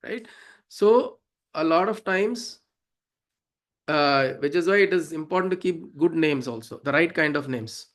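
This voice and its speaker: A man's voice: a little high, expressive, unhurried, fairly bright tone. A man with a South Indian accent explaining devotional verses as a teacher, in an informal, didactic way with frequent check-in questions. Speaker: teacher of Sanskrit devotional hymns.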